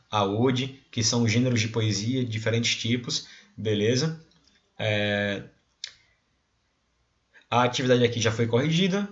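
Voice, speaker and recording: A man's voice: mid-range voice, muffled recording. A male teacher with a Brazilian Portuguese accent, explaining a recorded class and often checking in with his students. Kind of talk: recorded remote class lesson.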